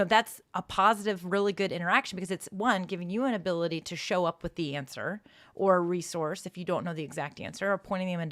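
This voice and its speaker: A woman's voice: fairly low pitch, a bit bright, dry recording. A woman co-hosting a live streaming show, explaining advice in an earnest, conversational way. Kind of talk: casual advice chat.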